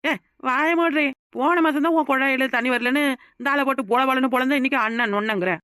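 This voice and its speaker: A woman voicing an outspoken young village woman in a cartoon, with a southern Tamil Nadu rural accent, who shouts and scolds. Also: sits high, quick pace, no echo, studio quality. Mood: fiery. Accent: southern Tamil Nadu rural dialect. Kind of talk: cartoon voice acting.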